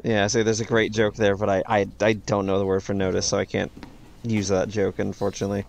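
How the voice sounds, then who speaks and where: A man's voice: lowish voice, monotone, brisk, creaky, a little mellow, a little hiss or hum. A man giving casual, joking commentary while playing a video game. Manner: joking, laughs often. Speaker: let's play commentator. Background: game music.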